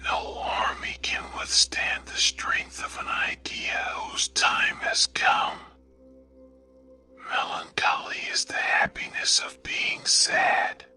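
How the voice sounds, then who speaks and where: A man reading short sayings in a hushed, breathy ASMR whisper, deliberate and measured. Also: a bass voice. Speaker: narrator reading quotations.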